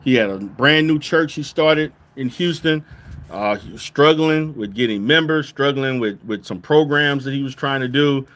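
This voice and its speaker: A man's voice: medium pitch, normal speed, fairly bright tone. Louisiana-raised man, emphatic with many restarts. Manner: repetitive restarts, emphatic "okay?" check-ins. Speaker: therapist. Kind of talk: casual commentary to viewers.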